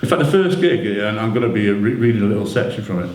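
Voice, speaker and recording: Speaking at normal-to-quick pace with a lowish, slightly mellow voice and lively intonation, a middle-aged Manchester man tells the crowd personal stories. He's an author and musician interviewed on stage at his book launch in an indoor event hall, talking candidly and colloquially, rambling with plenty of "you know". Background noise fills the roomy live venue.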